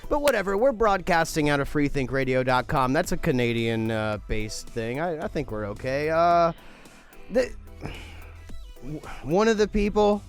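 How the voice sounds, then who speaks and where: A man's voice: fairly high pitch, very animated, normal speed, clean tone, faint music behind. A man co-hosting a comedy podcast, telling rambling stories with mock outrage. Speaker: podcast co-host. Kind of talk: casual comedic banter.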